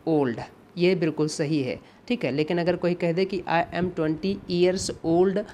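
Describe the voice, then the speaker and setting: A man teaching an exam-prep English grammar lesson, explaining patiently, repeating points and often checking in with his students. He reads the English example sentences slowly and deliberately. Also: a little high, darkish tone, slight background noise. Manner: patient, repetitive, checks in with "ठीक है" and "है ना".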